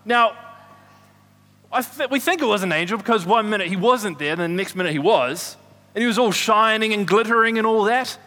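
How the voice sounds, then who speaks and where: A man acting out a rambling, excitable shepherd, his high voice ringing through a long, echoing hall. His bright, cutting tone carries loud whoops as he chatters on in a comic stage play. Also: a little fast. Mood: excited. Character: excitable chatty male shepherd, middle-aged. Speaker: shepherd character in a church Christmas play. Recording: echoey hall reverb.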